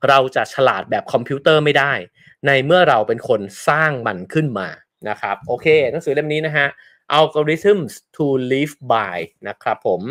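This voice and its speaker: A man with a Thai accent hosts a casual solo show into a close microphone, talking politely and chattily through a book and reading out listener messages. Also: mid-range voice. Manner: polite, chatty, ends phrases with soft particles. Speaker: podcast host.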